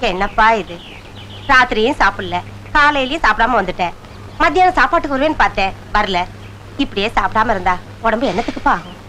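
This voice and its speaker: A woman's voice: on the high side, lively intonation, quick pace, pushed and bright, a little hiss or hum, poor audio. An actress playing a middle-aged mother who worries over her son and coaxes him, in a film soundtrack with music behind. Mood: worried. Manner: coaxing, scolding tenderly. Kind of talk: film drama dialogue.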